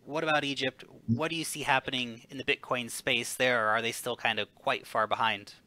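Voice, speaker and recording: A man's voice: medium pitch, fairly even intonation, fairly quick, bright, forceful tone. A man hosting a casual interview, asking questions with upbeat enthusiasm. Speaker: interview host.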